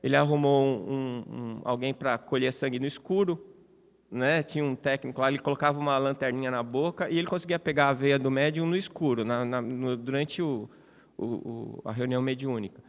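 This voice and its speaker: A man's voice: mid-range voice, fairly even intonation, a little fast, creaky. A man with a Brazilian Portuguese accent giving a conversational spiritist lecture, often restarting and adding tag questions. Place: large congress hall. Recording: long hall reverb.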